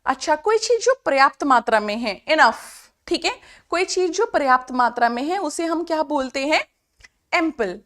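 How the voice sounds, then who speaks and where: High-voiced woman teaching vocabulary. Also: lively intonation, normal speed, fairly bright tone. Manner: quizzing with repeated rhetorical questions; mixes Hindi and English. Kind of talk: exam-prep online lecture.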